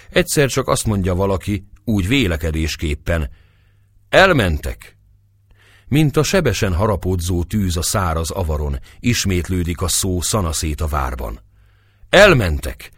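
Male audiobook narrator, very low voice with lively, animated pitch, expressive storytelling, dry close sound. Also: no echo. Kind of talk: literary audiobook reading.

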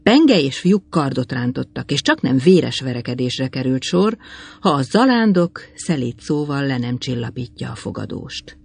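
A man reading an old-fashioned tale aloud in a measured storytelling manner. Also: mid-range voice, very animated, creaky, darkish tone, breathy edge. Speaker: narrator.

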